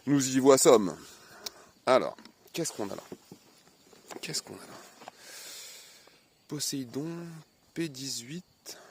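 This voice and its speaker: A man casually unboxing and reviewing a replica pistol, chatty and animated, reading off specs with many fillers. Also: medium pitch. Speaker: airsoft unboxing vlogger.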